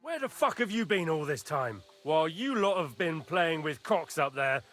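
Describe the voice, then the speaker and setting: A man playing an arrogant, hot-tempered nobleman knight in a game cutscene who shouts accusations and insults. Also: fairly high pitch, very animated, moderate pace. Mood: furious. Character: arrogant angry nobleman knight, middle-aged.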